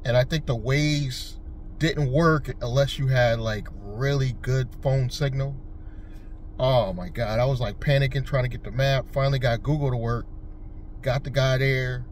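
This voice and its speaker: A Connecticut man who drives for a rideshare service hosts a channel and chats casually with his viewers in a loose, rambling vlog style, full of fillers and restarts. His voice is medium-pitched and steady, delivered at a measured pace, with a slight hiss or hum in the audio.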